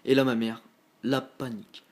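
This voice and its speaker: A man's voice: medium pitch, level tone, moderate pace. A teenage boy from northern France casually telling his viewers a story, slangy and rambling, often calling out to them as guys. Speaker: vlogger.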